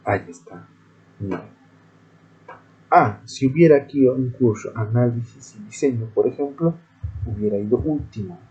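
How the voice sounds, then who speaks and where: A man's voice: mid-range voice, normal speed, long pauses, warm tone, lo-fi sound. A male teacher giving a screen-recorded programming lesson, explaining methodically step by step.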